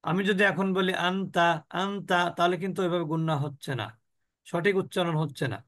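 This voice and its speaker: A man from Bangladesh with a Bangladeshi Bengali accent teaching a Quran recitation class online, explaining rules, asking and answering his own questions, and drawing out sounds slowly for students to repeat. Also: sits high, steady tone, a bit bright. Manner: asks the class questions and answers them himself. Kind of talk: online tajweed lesson with slow recitation drills.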